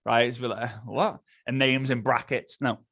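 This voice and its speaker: A man giving a motivational coaching talk, animated, repeating himself and acting out quick examples. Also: medium pitch. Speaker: social media coach.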